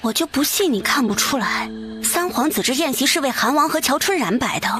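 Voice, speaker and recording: An actress voicing a proud, scheming young noble lady with a taunting, needling way of talking in an animated drama. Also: high-pitched, fairly quick, soft background music.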